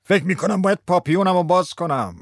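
An actor playing a boastful, jovial husband. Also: male voice, high voice, gravelly, no room sound, clean studio sound. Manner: chatty, jovial and self-satisfied. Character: cheerful boastful middle-aged husband, businessman. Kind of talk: radio drama acting.

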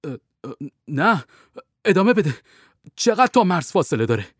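A man's voice: medium pitch, expressive, husky, no echo, studio quality. A man voicing a cool male secret agent who gives clipped, urgent orders in an audiobook. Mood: eager.

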